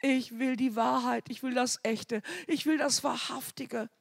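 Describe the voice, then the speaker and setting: A woman's voice: fairly high pitch, steady tone, unhurried, creaky, no room sound. Older woman, preacher, fervent sermon, chatty testimony, dry close recording. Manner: fervent, rising to loud declarations; chatty storytelling with quoted dialogue.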